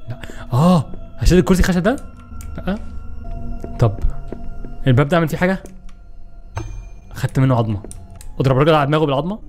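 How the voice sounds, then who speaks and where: A man with an Egyptian Arabic accent giving excitable, joking let's play commentary, talking back to the game. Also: on the high side. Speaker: gaming YouTuber.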